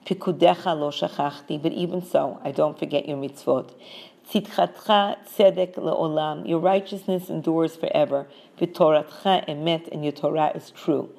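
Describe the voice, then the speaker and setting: A woman giving a measured scripture lesson, reading each verse in Hebrew and then explaining it in English. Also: sits low, fairly even intonation, creaky, darkish tone. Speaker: Torah teacher.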